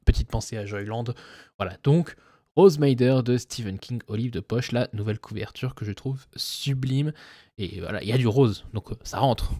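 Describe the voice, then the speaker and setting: A man's voice: mid-range voice, normal speed, warm tone, no room sound, studio quality. A man chatting casually about his monthly reading plans, rambling with many fillers and restarts. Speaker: booktuber; web developer. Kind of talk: casual book chat.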